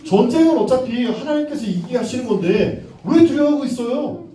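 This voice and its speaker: A man's voice: extremely high pitch, expressive, brisk, dark tone, far from the mic, voice pushed up. A man voicing a brave, cheerful young boy David in a children's Bible story, eager and confident. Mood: bold. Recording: echoey room, mic from afar, children behind.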